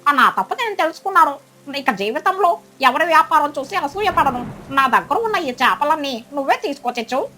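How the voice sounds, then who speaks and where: A woman doing a bright, excitable cartoon duck. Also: high voice, a little fast, soft background music, heavily acted. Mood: grateful. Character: boastful, greedy female duck seller.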